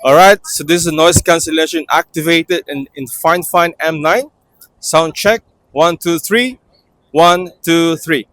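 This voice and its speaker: A man's voice: on the high side, a little slow, fairly bright tone, rough recording. A man casually testing a small wireless clip-on mic in a conference room and a park, his voice processed by noise cancellation with audible noise reduction artifacts, chatting and asking viewers what they think. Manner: chatty, asks viewers for their opinion. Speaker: product reviewer testing microphones. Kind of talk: casual mic test talk. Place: indoor conference room, then outdoors in a park by traffic.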